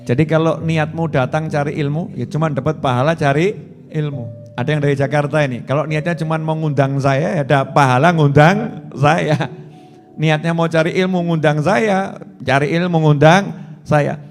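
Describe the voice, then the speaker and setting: A man preaching in a big echoing hall, his voice sitting a little high for a man. He tells his stories with animated delivery and acts out the characters as he goes. Faint music runs behind him. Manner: lively storytelling, acting out voices. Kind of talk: sermon.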